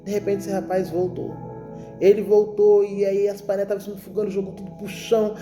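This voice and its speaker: A woman's voice: mid-range voice, little pitch movement, brisk, over music. A woman telling a religious testimony in an emotional, storytelling way, calling her listeners brothers. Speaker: testimony speaker.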